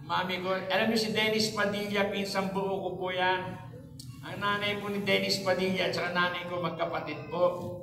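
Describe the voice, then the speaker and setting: A man from the Philippines shares his testimony before a church, telling it earnestly and voicing the people in his story. His voice sits high yet stays fairly level in pitch. He is heard from a distance, with the long reverb of a large hall around him. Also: steady tone, normal speed. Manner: earnest storytelling, acts out past dialogue. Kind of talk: testimony sermon. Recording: echoey hall from far off.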